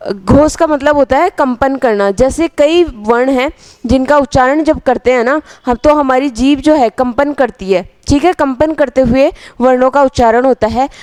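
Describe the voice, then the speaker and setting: A woman teaching a grammar lesson, asking the class questions and answering them herself, repeating phrases slowly for dictation. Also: high-pitched, darkish tone, smooth, dry recording.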